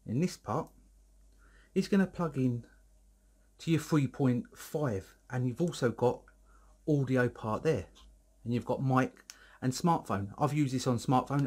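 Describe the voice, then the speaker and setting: A man, a little out of breath, chats his way through a product review in a loose, rambling way. His voice is slightly husky, and he keeps restarting his sentences. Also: medium pitch. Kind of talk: casual product review vlog. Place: indoor room, filming himself alone.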